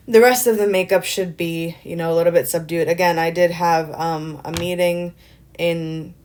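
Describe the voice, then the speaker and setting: A young woman with a slightly low voice, talking through her makeup routine in a loose, chatty way. She rambles, fills pauses with ums, and pokes fun at herself as she goes. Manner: self-deprecating humor. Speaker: beauty vlogger. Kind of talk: casual makeup tutorial voice-over.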